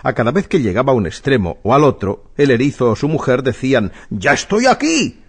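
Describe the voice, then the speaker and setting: Expressive husky male narrator. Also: mid-range voice, fast talker. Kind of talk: scripted radio storytelling.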